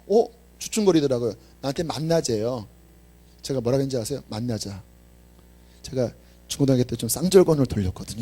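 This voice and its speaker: A man preaching a sermon as a pastor, telling stories with animated emphasis and swelling on his main points. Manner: animated storytelling, dropping low and quiet to act out quoted speech; emphatic, rising in pitch and volume on key points.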